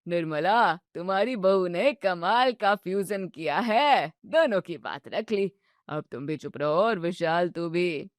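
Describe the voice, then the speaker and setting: A low, unhurried old father-in-law who can't stop cracking jokes at the family's expense, as a woman storyteller puts him on. He stretches his teasing lines out slowly. The voice is close and dry with no room sound. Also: expressive, no echo. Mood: delighted. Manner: slow teasing drawl. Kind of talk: storybook narration.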